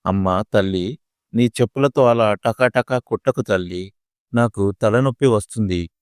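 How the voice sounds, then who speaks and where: A blunt lawyer mocks and scolds the bride in an audio storybook, read by a man. The voice is dark and dry, the scolding loud. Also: fairly low pitch, unhurried, clear, resonant tone, no room sound, natural voice. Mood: mocking.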